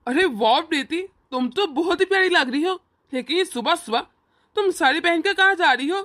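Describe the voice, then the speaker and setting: A woman's voice: very high voice, animated, fairly quick, a bit bright. A woman voicing a doting older brother who talks in an indulgent, reassuring way, in a homemade family drama.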